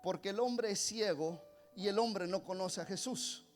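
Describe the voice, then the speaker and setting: A male pastor preaching fervently, swinging from hushed asides to loud shouts and often repeating words as he builds. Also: sits high, unhurried, faint music behind. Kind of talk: sermon.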